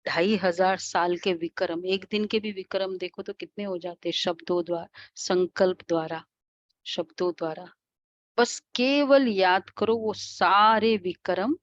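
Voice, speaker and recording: An Indian-accented woman, a spiritual teacher, gives a devotional class lecture, explaining points and asking the class questions with soft hums. Her mid-range voice has no echo, and the audio is dull.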